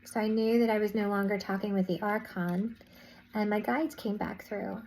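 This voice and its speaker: A woman's voice: medium pitch, steady tone, normal speed, vocal fry, a little mellow, poor audio. Rambling woman recounting a spiritual experience. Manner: rambling, restarts and "I was like" asides. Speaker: spiritual vlogger. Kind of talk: casual spoken recounting.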